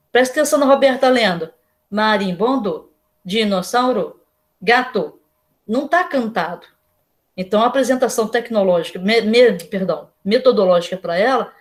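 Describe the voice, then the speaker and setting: A Brazilian woman lecturing to her students in a casual, explanatory way, often asking them rhetorical questions. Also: fairly high pitch. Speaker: university lecturer. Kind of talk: online class lecture.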